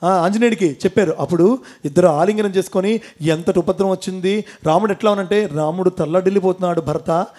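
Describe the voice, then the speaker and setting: High-voiced man telling a devotional story. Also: fast talker, darkish tone. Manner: asks audience questions, acts out voices. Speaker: motivational speaker. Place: temple hall before an audience.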